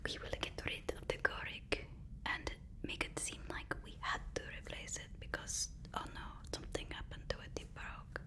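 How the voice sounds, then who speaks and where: An ASMR performer whispers a roleplay as a supervillain's deferential, fussy personal assistant. She speaks haltingly and keeps repeating her phrases.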